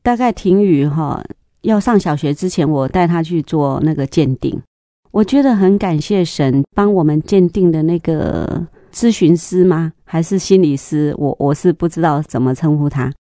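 A middle-aged woman, sharing a church testimony in an interview, telling stories lively and acting out the dialogue. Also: low-pitched, moderate pace, no room sound, clean studio sound. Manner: lively storyteller, acts out dialogue, laughs often.

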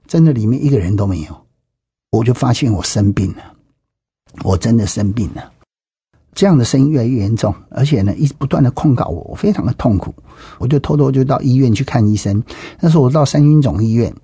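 A middle-aged interviewee with a Taiwanese Mandarin accent delivers an emphatic account of his life, packed with exclamations and repeated phrases. His mid-range voice is dark and husky, with lively intonation and a quick pace, recorded dry and close with little room sound.

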